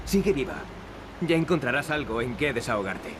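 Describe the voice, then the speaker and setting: A man with a mid-range, natural voice speaks in an animated, slightly quick way over loud background music. He's an actor with a Spanish-from-Spain accent, dubbing video game dialogue as a cocky, sarcastic young adventurer, delivered wryly and flippantly with a composed, wry mood.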